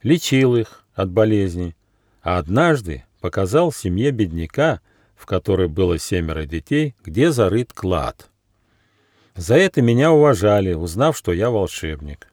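A man's voice: low voice, very animated, unhurried, a little mellow, dry recording, studio quality. A man, the author, reading his children's fairy tale aloud expressively. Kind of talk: storybook narration.

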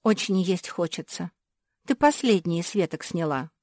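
A woman's voice: lowish voice, lively intonation, moderate pace, a little mellow, no echo, clean studio sound. A woman voicing a small, hungry little sister who pleads eagerly. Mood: pleading.

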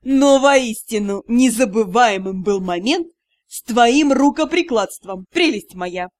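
Audiobook: woman doing a sarcastic teasing noble mage guy, lowered voice, dry close sound. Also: animated, unhurried, dry recording. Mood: mocking. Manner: sarcastic, drawling. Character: mocking aristocratic male mage, sarcastic, teasing.

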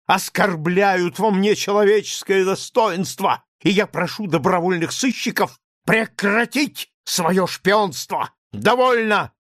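A man voicing an indignant, hysterical young nobleman who shouts in high-pitched outbursts, in an audiobook reading. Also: takes it slowly, no room sound, studio quality. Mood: shouting.

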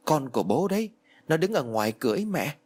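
A man's voice: a little high, very animated, quick pace, a little mellow, husky, voice pushed up. A man voicing the ghost of a small girl who is clingy, stubborn and tearful in a spoken ghost story. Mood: sulky. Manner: childish, pleading and stubborn.

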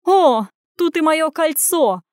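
A domineering head nurse who scolds in a high, sharp, indignant voice, as a woman reading the story puts her on. She speaks in rapid, accusing bursts, recorded close and dry with no room sound. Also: expressive, no room sound, close to an everyday voice. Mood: mock surprise.

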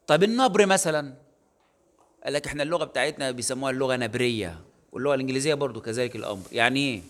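Speaking rapid-fire with a medium-pitched, slightly bright voice, this Egyptian-accented man lectures at university level. It's a recorded online lecture, and his explanations are casual, peppered with fillers and frequent self-corrections.

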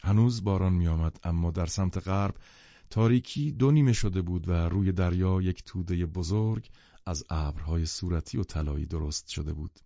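A man reading a novel as an audiobook narrator in measured, even storytelling. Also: deep voice, no room sound. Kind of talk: scripted literary narration. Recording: dull lo-fi studio recording.

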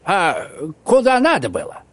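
Мужчина читает за пожилого странника, мягко, спокойно и по-простонародному. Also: male voice, sits high, wildly swooping pitch, a little slow, pitched above the performer's own voice, full character voice. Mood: calm. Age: older. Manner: gentle, folksy. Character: calm kindly old wandering man.

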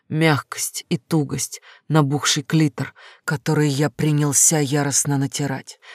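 A man's voice: a little high, vocal fry, dry recording, studio quality. A man giving a dramatic first-person narration of a novel, reading intensely and emotionally. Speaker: audiobook narrator.

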